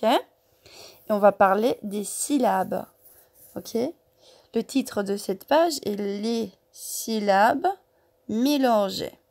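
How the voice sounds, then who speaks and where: With a medium-pitched, darkish voice, a woman guides young kids through a workbook lesson at a slow pace. Words and syllables get repeated, and "ok?" comes up often as she checks in.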